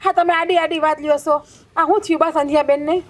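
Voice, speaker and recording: An actress playing a calm, sensible young village wife who reasons with her angry relative in a village family drama. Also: high voice, fast talker, lightly acted. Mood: reasoning. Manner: calming, reasoning. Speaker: sister-in-law.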